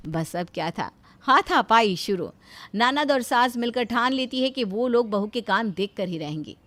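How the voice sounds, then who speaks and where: A woman narrates a cartoon story in a high, animated voice, with expressive storytelling. The sound is dry and close. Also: normal speed, dry recording.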